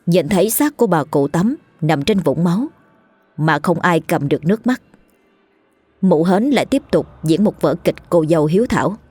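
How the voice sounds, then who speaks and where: Steady ghost story narrator. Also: medium pitch, moderate pace, slightly rough, no room sound, faint music behind.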